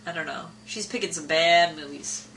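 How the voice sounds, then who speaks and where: A woman's voice: low-pitched, normal speed, creaky, over a noisy crowd, poor audio. A woman co-hosting a podcast while she has a bad cold, pushing back with dry skepticism in casual chat. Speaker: podcast co-host.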